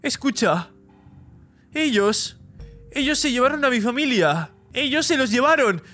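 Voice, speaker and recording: Game figure: man doing a sobbing, hunted young guy, high and panicky. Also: expressive, measured pace, bright, forceful tone, faint music behind, full character voice. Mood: pleading. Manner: pleading, panicked.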